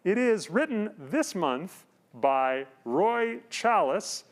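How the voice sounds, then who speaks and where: A man's voice: high-pitched, big pitch swings, slow pace. A man hosting a live-streamed theatre show, chatting friendly and telling a story. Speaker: host.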